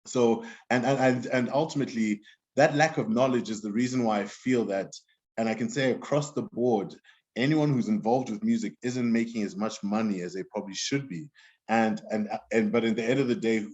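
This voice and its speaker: Speaking fairly quickly in a low, darkish voice, a Zimbabwean man in his thirties who works as a music executive rambles through a casual interview. He keeps restarting sentences with fillers, captured in dull lo-fi sound.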